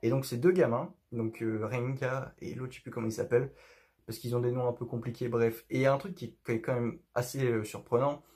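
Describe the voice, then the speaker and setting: A man's voice: mid-range voice, steady tone, brisk, darkish tone. Rambling young man chatting to camera. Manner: rambling, many fillers and restarts. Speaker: youtuber. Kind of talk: casual chat to camera. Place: bedroom.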